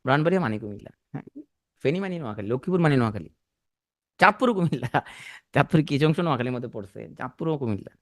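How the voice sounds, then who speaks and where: A man teaching an exam prep class, talking quickly and repeating key points for his students. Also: medium pitch, animated. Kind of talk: classroom lecture.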